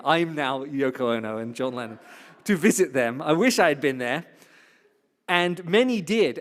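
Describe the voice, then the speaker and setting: A man giving a lecture-style address to a gathered audience, animated and playful, putting questions to the listeners. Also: on the high side. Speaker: platform speaker. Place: hall with an audience. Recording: long hall reverb.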